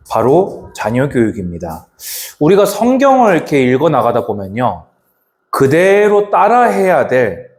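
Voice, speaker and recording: A man preaching a sermon as pastor, slowing down to stress scripture and asking the congregation questions. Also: mid-range voice, darkish tone.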